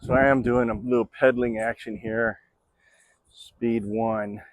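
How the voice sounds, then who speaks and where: In a rambling bike-ride vlog on an outdoor trail, a Floridian man in his sixties talks casually, leaning on lots of fillers. His medium-pitched voice holds a steady tone and runs a little slow, captured in a dry recording.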